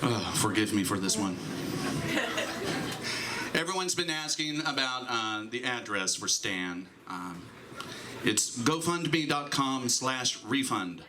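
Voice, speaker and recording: A man's voice: medium pitch, expressive, takes it slowly, heavy background noise. A man, a comedian on a comedy club stage, giving a rambling, self-deprecating stand-up tribute through a handheld mic.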